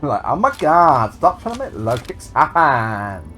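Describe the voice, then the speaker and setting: A man's voice: mid-range voice, very animated, unhurried, bright, forceful tone, soft background music, pitched above the performer's own voice. A man doing a mocking impression of a gushing young valley girl with squealing, exaggerated exclamations. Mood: disgusted.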